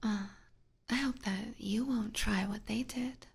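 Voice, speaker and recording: In an ASMR roleplay, a woman plays a seductive vampire catgirl, whispering slowly and breathily as she teases the listener at very close range through a close binaural microphone. She's possessive and sweetly menacing, with a soft, gravelly creak in her slightly high, steady, exaggerated voice.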